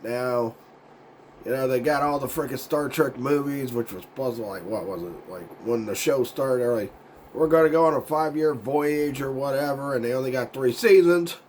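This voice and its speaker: A man hosts his own YouTube show in a casual, rambling vlog chat, his voice raspy and hoarse from a sinus cold. At medium pitch, normal speed, and a darkish tone, with a little hiss or hum, he meanders laid-back, loses his words, and chuckles often.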